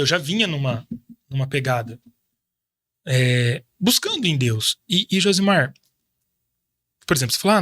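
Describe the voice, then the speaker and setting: A man's voice: fairly high pitch, a bit bright, dry recording. Reflective Brazilian man in his thirties. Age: 30s. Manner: reflective, faith-driven, hesitant restarts. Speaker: guest. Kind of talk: casual interview chat. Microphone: studio microphone.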